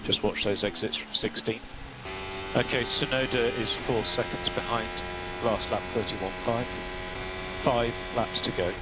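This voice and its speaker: A male race engineer gives measured gap updates and instructions over a team radio link. His voice is fairly low, and the transmission is swamped by heavy hum and vehicle noise. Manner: measured, instructional, reads out gaps and numbers. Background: loud hum and car noise.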